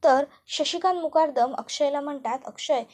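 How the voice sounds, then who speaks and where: High-voiced woman retelling a serial. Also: normal speed. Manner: steady recounting narration. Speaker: storyteller.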